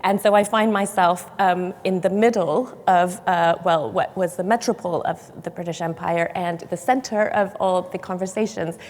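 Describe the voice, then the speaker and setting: A woman's voice: lowish voice, steady tone, moderate pace, hardly any pauses, a little mellow, slight background noise. A woman born in Hong Kong, a public historian on a panel, speaking thoughtfully with many fillers. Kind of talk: panel seminar remarks. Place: large church hall. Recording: long hall reverb.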